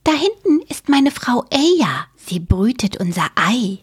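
A small, anxious male penguin with a squeaky voice like a little child's, urgently pleading for help, as a woman reading a storybook puts him on. The voice sits very high and swoops up and down. It has a breathy edge. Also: very animated, slow, heavily acted.

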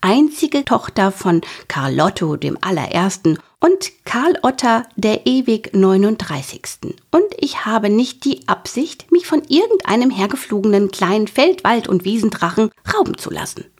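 A bold, cheeky princess girl from a storybook, played by a woman, talking in a raised, sassy voice. She sounds sure of herself and quick with her words. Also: high-pitched, very animated, voice pushed up. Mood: indignant. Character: cheeky, self-assured young princess girl.

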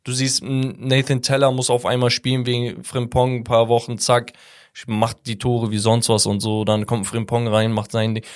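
A man's voice: mid-range voice, flat delivery, moderate pace. Slangy young male podcast co-host. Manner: reads out viewer comments, slangy and loose. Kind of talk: casual football podcast chat.

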